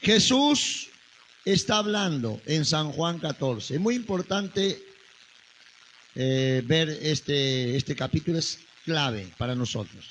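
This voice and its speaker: A pastor delivers a Bible study sermon in a high, animated voice that climbs into emphatic declarations and drops to quiet questions for the congregation. He speaks slowly and deliberately, with a bright, forceful tone, over a faint background ambience. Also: a little hiss or hum, low-quality recording.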